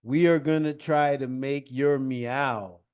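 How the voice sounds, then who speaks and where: A man's voice: mid-range voice, steady tone, takes it slowly, darkish tone, smooth. A man teaching a one-on-one science lesson, patient and encouraging, guiding his student with questions and praise.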